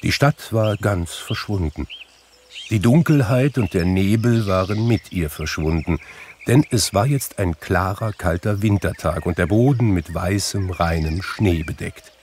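A man reading a classic Christmas tale aloud in slow, measured narration. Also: low-pitched, a little mellow, a little hiss or hum. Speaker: storybook reader. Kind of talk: audiobook narration.

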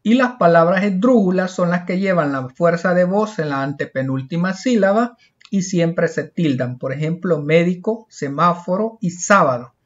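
A male teacher explaining a lesson, asking questions and answering them himself, slowing down to spell out example words one by one. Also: sits high, expressive. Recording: dull lo-fi recording.

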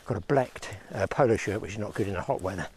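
A man's voice: on the low side, fast talker, darkish tone, a little hiss or hum. A man vlogging outdoors by a lake, chatting straight to his viewers as he fishes. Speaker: fishing vlogger. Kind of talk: casual outdoor commentary.

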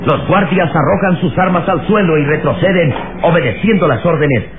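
A man's voice: a little high, normal speed. A man narrating an old radio serial in a theatrical, suspenseful, dramatic style. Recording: tinny, noisy old radio recording.

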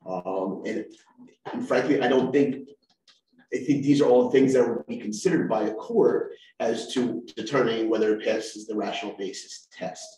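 A man's voice: medium pitch, dark tone, far from the mic. Man arguing legal points in council chamber. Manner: measured, argues legal points. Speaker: council member. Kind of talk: council meeting discussion. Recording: roomy echo, mic set back.

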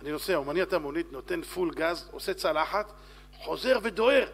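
Animated rabbi telling a story. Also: male voice, on the high side, husky. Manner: animated storyteller, acts out shouts and dialogue. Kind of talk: sermon storytelling. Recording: long hall reverb.

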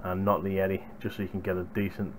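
In a low-pitched monotone, the young hardware reviewer talks fast to his viewers, with a little hiss or hum present. The casual vlog chat comes from a small room in his home, picked up by a headset boom mic.

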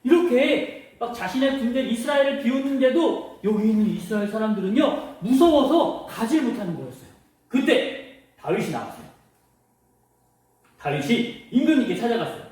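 A man, a children's pastor, telling a Bible story to children with animated questions and sound effects. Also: very high-pitched, moderate pace, far from the mic. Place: church room. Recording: very echoey room, voice from afar.

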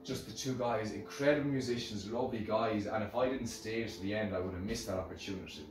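A middle-aged Irishman who makes musical instruments shares lessons he has learnt in a casual, rambling motivational talk to camera, repeating phrases for emphasis. His voice is lowish and fast. He's indoors in a hard-surfaced workshop, filmed by a camera a few metres away, so the room is very echoey, and music plays.

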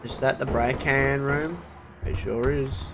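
A man's voice: mid-range voice, steady tone, a little slow, music in the background. A man chatting casually with friends during a game, swearing and laughing often. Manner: laid-back, swears often, laughs a lot. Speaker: streamer playing with friends. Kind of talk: casual gaming chat.

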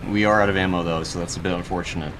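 A man's voice: deep voice, steady tone, very fast, background noise. Wry young man commenting on gameplay. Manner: dry, wry, laughs often. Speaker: gaming YouTuber.

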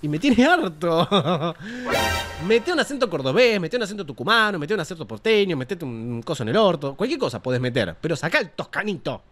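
A man's voice: fairly high pitch, very animated, fairly quick, a bit bright, faint music behind. A man with an Argentine Spanish accent hosting a casual news commentary show, opinionated and profane. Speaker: show host.

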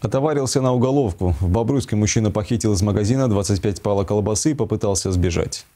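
A man reading the evening local news as anchor in a brisk, even newsreader delivery. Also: on the low side.

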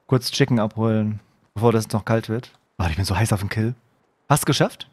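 A man streaming a game live, chatting to viewers and breaking into excited shouts, dropping to a hushed mutter when he sneaks. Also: fairly low pitch, fairly quick, breathy edge, no echo. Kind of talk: live gameplay commentary. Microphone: desk microphone.

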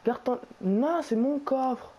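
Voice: high-pitched, takes it slowly, dark tone, highs cut off, slight background noise. A young gamer bantering casually and bossily in French suburban street slang during a game. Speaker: video game player recording gameplay.

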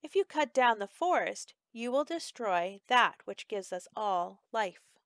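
A woman voicing a group of tree porcupines in a storybook reading, speaking in a hushed whisper. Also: on the high side, lively intonation, unhurried, no echo, clean studio sound. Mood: earnest.

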